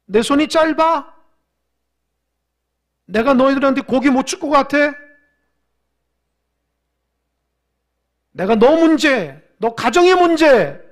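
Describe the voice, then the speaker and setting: A man voicing God as a stern deity, slowly firing loud, confronting questions at the listeners. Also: sits high. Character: rebuking God, stern demanding male deity.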